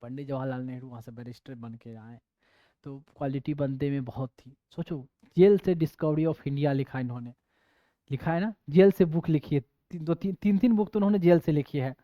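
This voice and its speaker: Male coaching teacher with a high voice and a loose, rambling manner, recorded dry. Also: moderate pace, no room sound, phone-quality sound. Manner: chatty, digressive, mixes in English terms. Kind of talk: casual classroom lecture.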